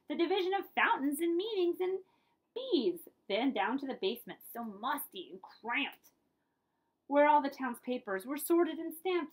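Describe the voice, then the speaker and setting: A librarian reads a children's picture book aloud, adding dramatic storytelling emphasis and friendly asides. Her voice sits high and sounds husky, on a rough recording.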